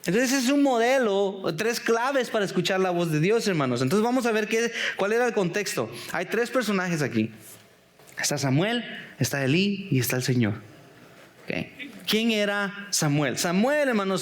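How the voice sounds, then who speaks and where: A man preaching a conversational sermon, calling the listeners brothers and sisters, asking them many questions and dropping in English slang. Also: high-pitched. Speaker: pastor.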